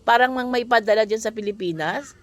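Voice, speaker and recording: A woman's voice: fairly high pitch, brisk. A woman from the Philippines working abroad, telling an earnest, conversational story straight to her viewers. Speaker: overseas worker and vlogger. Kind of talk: casual storytelling monologue.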